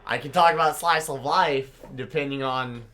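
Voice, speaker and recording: A man's voice: mid-range voice, moderate pace, sharp tone. A man from Oklahoma co-hosting a podcast in casual chat, rambling, stammering over his words and swearing a lot as he gets worked up. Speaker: podcast co-host.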